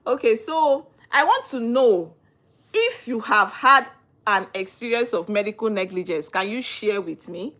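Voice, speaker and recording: A young Nigerian woman with a Nigerian accent hosts a live stream on legal topics, answering viewer comments, greeting people by name and posing earnest rhetorical questions. Her voice sits a little high and sounds fairly bright and expressive, and she speaks at a measured pace.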